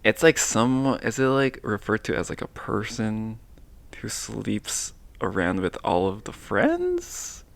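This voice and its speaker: A young man co-hosting a relaxed two-person chat show. His voice has a gravelly, fry-tinged edge, and he talks in a playful, teasing way, often drawing out and repeating single words. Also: on the low side, no room sound. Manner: playful, teasing, drawn-out repetition. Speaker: co-host. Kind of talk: casual chat.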